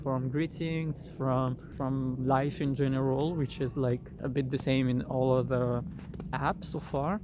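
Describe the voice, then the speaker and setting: Against a noisy background, a young man with a French accent speaks slightly slowly in a steady, mid-range voice. Outdoors in cold weather, this vlogger holds his phone and gives a casual, rambling app review packed with fillers and restarts.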